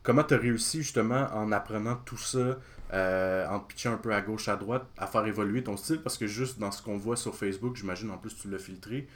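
A man's voice: fairly low pitch, a little fast. Québécois man in a casual interview.

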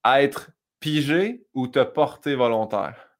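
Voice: mid-range voice, lively intonation, takes it slowly. An interview host with a Québécois accent, asking questions in a playful, joking way and swearing casually.

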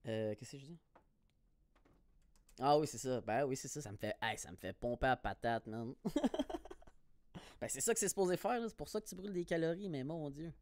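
A young Québécois man chats on his podcast in a loose, slangy way. He laughs often and swears freely as he tells his stories. His voice sits at a medium pitch, and the recording is very dry. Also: lively intonation, normal speed, long pauses, no echo. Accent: Québécois French. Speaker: podcast host. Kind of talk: casual chat.

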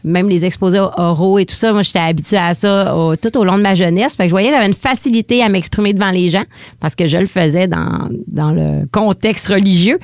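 A woman in her forties from Quebec with a Quebec French accent, a comedian speaking in a relaxed, frank interview. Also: on the low side, no echo, studio quality. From Quebec (Lac-Saint-Jean). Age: 40s. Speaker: comedian guest. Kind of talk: casual interview.

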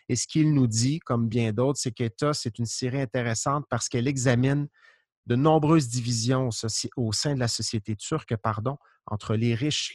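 A man hosts a podcast with a friendly, lively manner. His voice sits at an ordinary middle pitch. The sound is close and dry, with no room around it. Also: dry recording. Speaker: podcast host. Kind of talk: podcast interview.

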